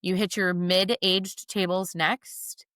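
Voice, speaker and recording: A woman's voice: fairly low pitch, flat delivery, takes it slowly, fairly bright tone, dry recording, clean studio sound. A woman co-hosting a podcast, giving enthusiastic, practical wedding-planning advice in casual chat.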